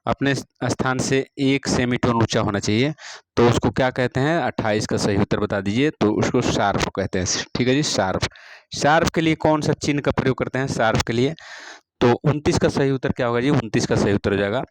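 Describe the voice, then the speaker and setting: A man teaching music, reading out practice exam questions and their answers one by one, repeating each question and adding a steady "all right" after each answer. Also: mid-range voice, a little fast, noisy background. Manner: repeats each question, fills with "theek hai ji".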